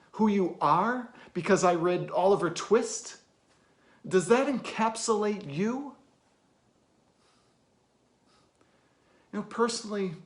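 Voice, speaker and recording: The therapist's monologue turns heated and indignant here as the actor, his voice fairly high-pitched, plays the weary, blunt middle-aged character deliberately, with weighty pauses and emphatic bursts.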